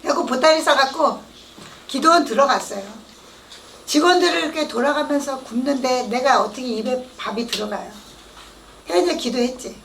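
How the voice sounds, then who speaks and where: High-voiced woman giving a church testimony. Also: a little fast, a little hiss or hum. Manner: lively storytelling, acting out quoted voices. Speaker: testimony speaker. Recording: echoey hall, mic at a distance.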